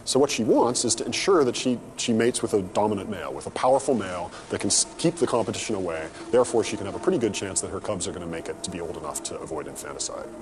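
A man's voice: fairly low pitch, expressive, quick pace, few pauses, background noise. A man speaking off the cuff as an expert in a documentary interview.

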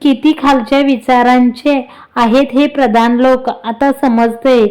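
A woman's voice: high voice, fairly even intonation, unhurried, darkish tone. A woman voicing an anxious, practical middle-aged mother in a read-aloud story. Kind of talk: storybook reading.

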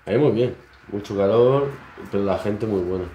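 A man in his twenties, a barber, chatting casually while shaving a client in his small shop, in short relaxed phrases. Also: lowish voice, normal speed, highs cut off. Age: 20s. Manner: relaxed, modest, talks in short trailing phrases. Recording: roomy shop echo, faint noise.

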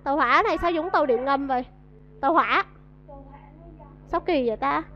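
A woman's voice: high voice, fairly quick. A woman with a Vietnamese accent teaching an English vocabulary lesson to a class, coaxing answers and drilling pronunciation. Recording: dull lo-fi audio.

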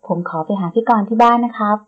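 A woman's voice: fairly high pitch, steady tone, fast talker, husky. A woman voicing an eager, affectionate young man who pleads sweetly, in a storybook reading. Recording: dull lo-fi recording.

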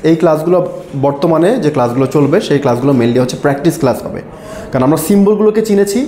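A Bangladeshi man leads a live classroom lesson on English sounds, his high voice swinging up and down. He keeps asking questions and having the students echo each word. His voice is mellow, and the classroom adds a roomy echo. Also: animated, rapid-fire. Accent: Bangladeshi Bengali. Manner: quizzing, has the class repeat words after him. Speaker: English pronunciation teacher. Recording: echoey classroom.

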